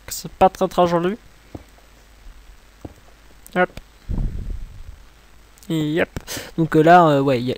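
A man's voice: medium pitch, a little mellow, a little hiss or hum. A young man from France giving a casual, rambling game tutorial commentary, mocking himself and swearing when things go wrong. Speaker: gaming tutorial creator.

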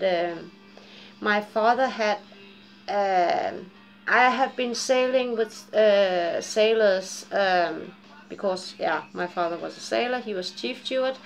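A gravelly, medium-pitched woman in her forties, with a Japanese and Danish accent from Japan and Denmark, vlogs to a webcam at home in a dim living room. She rambles candidly, laughs often and curses freely, and the audio is poor.

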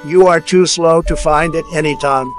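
A man's voice: on the high side, fairly even intonation, normal speed, music in the background. A synthetic male text-to-speech voice reading donation messages in a stiff, evenly paced way.

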